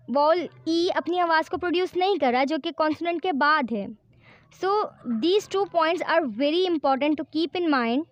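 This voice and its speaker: A woman's voice: extremely high pitch, no room sound. A woman teaching a grammar lesson. She counts syllables aloud, spells out words letter by letter and checks in with "right?". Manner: slow, careful English, checking in with "right?". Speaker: English teacher. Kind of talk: classroom-style grammar lesson.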